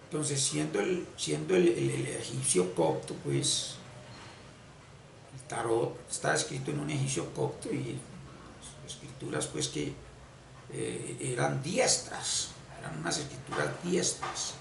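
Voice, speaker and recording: A man giving an unscripted esoteric religious lecture, halting and repeating phrases as he searches for words. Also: medium pitch, huge pitch swings, creaky, far from the mic, a little hiss or hum. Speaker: esoteric spiritual teacher. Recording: echoey room, voice off-mic, faint ambience.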